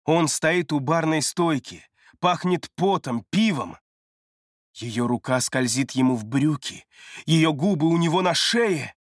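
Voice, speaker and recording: A man steadily narrating a thriller audiobook in a measured storytelling manner. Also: on the high side, lively intonation, no room sound. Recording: dry close studio read.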